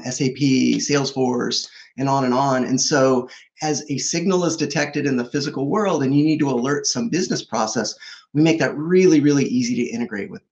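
Over a webcam from his home office, a man in his forties, a product executive guest, walks through products in an upbeat, fluent, conversational keynote style with lots of fillers. His voice is medium-pitched with vocal fry, and the sound is lo-fi.

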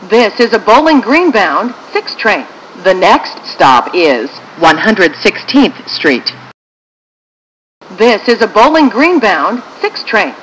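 A woman with an American accent reads scripted train station announcements in measured, formulaic phrases. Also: mid-range voice, a bit bright, slight background noise, poor audio.

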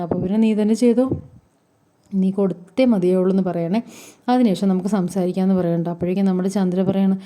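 Fast-talking woman with a very dark voice. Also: medium pitch. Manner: rapidly paraphrases each character's lines in turn. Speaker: TV serial recap vlogger. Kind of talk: casual retelling of a TV serial episode.

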